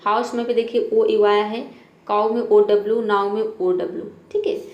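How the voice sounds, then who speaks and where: A woman's voice: mid-range voice, steady tone, moderate pace, darkish tone, highs cut off. Woman, English teacher, patient, asks and answers her own questions, roomy echo. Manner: keeps saying "theek hai" to check understanding. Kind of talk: explaining spelling rules.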